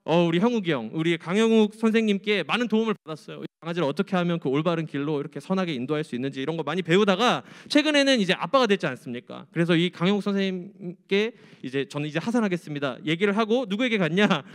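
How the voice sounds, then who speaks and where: A young man preaching to high school students in a church, chatty and joking. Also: expressive, quick pace, hardly any pauses. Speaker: youth pastor.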